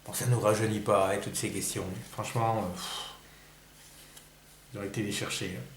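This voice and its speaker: A man's voice: on the low side, fairly even intonation, normal speed, echoey room, slight background noise. A man hosting a casual solo music quiz, thinking aloud, muttering and sighing over the answers and then perking up. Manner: mutters and sighs while thinking, then perks up. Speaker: host of a record-collecting channel.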